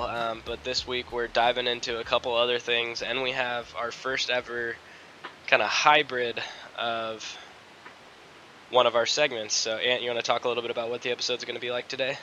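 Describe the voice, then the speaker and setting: A man's voice: mid-range voice, poor audio. Congested nasal man hosting a podcast. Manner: relaxed, filler-heavy delivery. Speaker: podcast co-host. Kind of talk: casual sports podcast chat.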